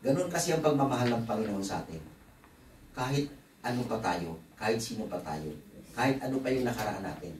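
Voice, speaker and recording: A male pastor delivers a sermon in a loose, joking, conversational way, often turning to the congregation with asides. His pitch rises and falls a lot as he preaches. The voice sits back from the mic and rings around a roomy church hall. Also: animated, a little fast, a little mellow, recorded from a distance, a little hiss or hum. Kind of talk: conference sermon.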